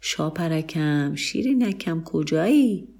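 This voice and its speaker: Woman doing a worried guy muttering under his breath, low voice, storybook. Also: lively intonation, darkish tone. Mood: searching. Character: bewildered middle-aged man searching for his wife.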